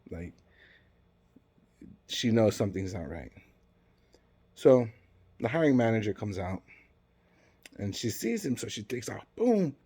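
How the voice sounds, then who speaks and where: A man's voice: on the low side, sing-song, measured pace, pauses often, mellow, a little hiss or hum. A man telling a personal story in a casual way, acting out the dialogue with conversational asides.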